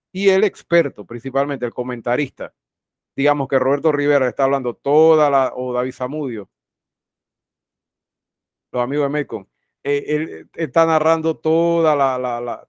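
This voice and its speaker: A man's voice: fairly high pitch, no echo, clean studio sound. A man teaching an online class over a video call, who often repeats his phrases and puts questions straight to his students. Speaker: university teacher.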